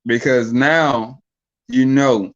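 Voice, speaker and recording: A young man with a mid-range voice and a steady tone argues casually over mics in a podcast debate. He drags his words out, rambles loosely, and repeats himself as he works through his point. The recording sounds muffled.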